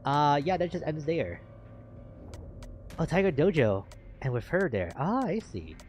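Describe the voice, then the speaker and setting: A man streaming a visual novel, reading its text aloud at a steady pace and breaking off for casual asides. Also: on the high side, unhurried, slight background noise.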